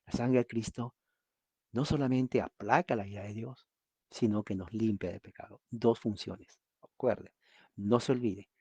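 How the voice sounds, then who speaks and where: A man preaching a sermon as pastor, telling stories in a lively way and acting out the quotes. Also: lowish voice, a little slow, breathy edge, no echo, highs cut off.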